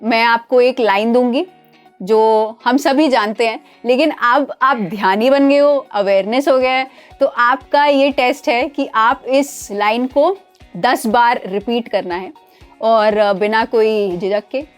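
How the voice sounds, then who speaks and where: A woman's voice: on the high side, measured pace, soft background music. Woman host mixing Hindi and English. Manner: friendly, mixes English phrases into Hindi. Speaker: show host. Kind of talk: casual Hindi-English show hosting.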